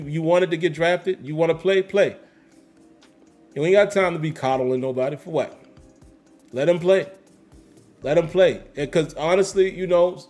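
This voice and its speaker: Brief: male stream host, casual sports talk, emphatic and repetitive, slightly higher voice, faint music bed. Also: darkish tone. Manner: emphatic, repeats phrases, slangy. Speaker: host reading live chat. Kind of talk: casual livestream commentary.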